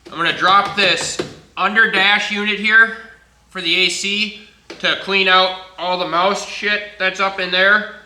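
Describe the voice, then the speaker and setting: A man's voice: high voice, steady tone, unhurried, bright, forceful tone. Man, casual garage vlogger, plainspoken, echoey garage, faint background noise. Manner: laid-back, plainspoken, swears casually. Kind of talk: casual work narration. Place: home garage, working on an old truck.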